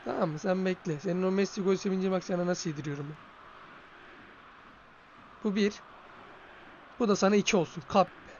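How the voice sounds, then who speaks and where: A man streaming a mobile football game, commenting live, excitable and swearing, shouting when goals go in. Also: high-pitched, fairly quick, long pauses, highs cut off, slight background noise. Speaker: gaming streamer.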